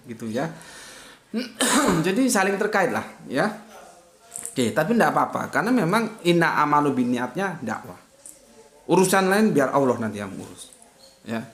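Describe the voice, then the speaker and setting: A man's voice: a little high, big pitch swings, moderate pace, a bit bright. A man hosting a casual online religious talk, reading viewer comments with joking, teasing asides and frequent chuckles. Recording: echoey room.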